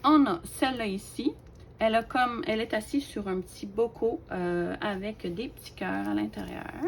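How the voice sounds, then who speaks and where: A woman, casually showing off her craft collection, chatty and hesitant with lots of fillers and soft laughs. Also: mid-range voice, moderate pace, slight background noise. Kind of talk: casual show-and-tell.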